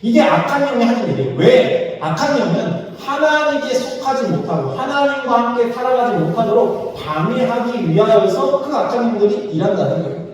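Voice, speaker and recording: A man's voice: very high voice, animated, a little fast, few pauses. A man preaching a sermon as pastor, speaking conversationally and acting out quoted dialogue. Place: church sanctuary. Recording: echoey church hall, mic from far off.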